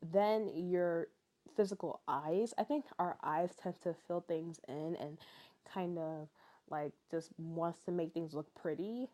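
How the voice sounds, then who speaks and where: A tired young woman in her twenties narrates her vlog, her low, slightly mellow voice rambling along with lots of fillers and little laughs. She's a native English speaker doing casual voice-over.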